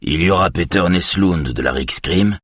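Man reading as a calm condescending police boss, low, a bit husky. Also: moderate pace, dry recording, clean studio sound. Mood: calm firm. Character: calm male police chief, patronizing, firm.

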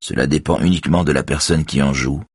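A polite guest answers warmly while staying on his guard, as a man reading the story puts him on. The voice stays close to the reader's own very deep, husky tone, with a dry, close sound. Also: fast talker, no room sound, heavily acted. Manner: warm but wary.

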